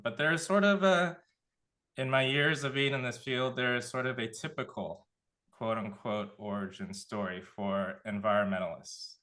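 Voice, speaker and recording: A nonprofit director from Contra Costa County, California, speaking on a panel, describes in a casual career talk how he got into his field. His voice is lowish, bright and forceful, and he sounds relaxed, thinking aloud with frequent ums and uhs.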